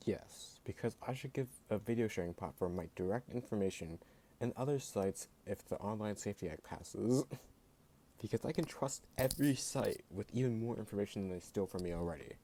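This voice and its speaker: A YouTube creator rants his opinions in a lowish, fairly quick, warm voice that turns jittery at times, over slight background noise. He's sarcastic and blunt and says "like" constantly.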